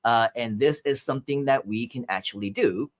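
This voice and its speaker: A man's voice: mid-range voice, big pitch swings, normal speed, creaky. A man from Hong Kong in his thirties, hosting a live-streamed marketing training in a conversational way, often asking "right?" and reading out viewer chat messages. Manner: conversational, asks viewers questions, frequent "right?".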